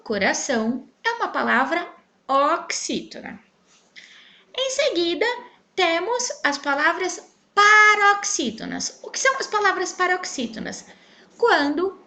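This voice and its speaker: Brazilian teacher lady, high bright voice, really bouncy, drags out syllables when she spells words. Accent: Brazilian Portuguese. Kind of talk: online grammar lesson.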